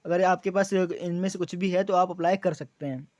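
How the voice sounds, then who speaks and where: A man's voice: high voice, fairly even intonation, moderate pace, a little mellow, no echo, muffled recording. A young man explaining exam details to students, repeating key points as questions and answers, with frequent fillers. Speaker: exam coaching YouTuber.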